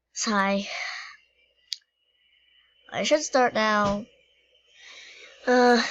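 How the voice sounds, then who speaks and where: A woman's voice: on the high side, a bit bright, no room sound, poor audio. Woman as a stammering, flustered coyote pilot. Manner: stammering, rambling, filler-heavy. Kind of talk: amateur voiced animal skit.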